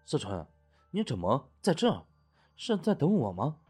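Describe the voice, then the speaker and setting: A man voicing a kind young man who gently looks after a little girl, speaking softly and indulgently, with faint music underneath. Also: lowish voice, very animated, measured pace. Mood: gentle coaxing. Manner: soft, coaxing, indulgent.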